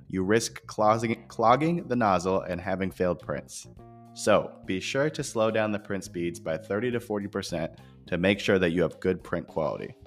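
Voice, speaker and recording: A man hosting an informal scripted podcast, explaining things directly to listeners, his voice echoing in a bare, unfurnished office. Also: low-pitched. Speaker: podcast host. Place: new empty office without furniture. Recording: echoey empty office, music behind.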